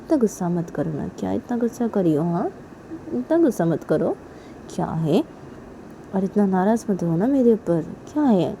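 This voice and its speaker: A woman's voice: fairly high pitch, animated, normal speed, mellow, a little hiss or hum, lightly acted. A woman voicing a young woman who pleads with her angry girlfriend in a whiny, repetitive way. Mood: pleading. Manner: pleading, whiny, repeats "what is it".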